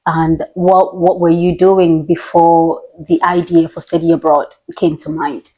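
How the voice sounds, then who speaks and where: A woman's voice: fairly low pitch, flat delivery, a little slow, dark tone, low-quality recording. A woman hosting an interview podcast, friendly and conversational, with some fillers. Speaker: host.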